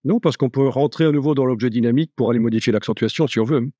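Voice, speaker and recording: Man, live tutorial, chatty, jokey, mid pitch, dry room. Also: rapid-fire, dark tone, no echo. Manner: chatty, jokey, thinks aloud. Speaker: software instructor.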